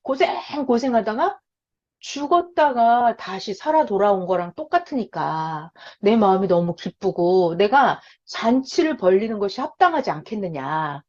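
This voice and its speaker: A woman voicing a gentle, forgiving old father who calmly persuades his son in a retold story, on a lo-fi recording. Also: medium pitch, voice pushed down. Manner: calm, persuading. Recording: lo-fi dull recording.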